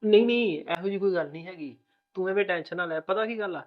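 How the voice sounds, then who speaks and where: A man playing a fast-talking reassuring young husband. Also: sits high, highs cut off, lightly acted. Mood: soothing. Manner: rapid, reassuring, soothing. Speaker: groom. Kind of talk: village family drama acting.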